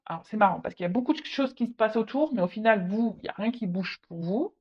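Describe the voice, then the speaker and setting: Halting woman giving a tarot reading. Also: medium pitch, lively intonation, breathy edge. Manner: halting, repeats words, many fillers; speaks directly to the viewer. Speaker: tarot reader. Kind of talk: casual tarot reading to camera. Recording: slightly dull lo-fi audio.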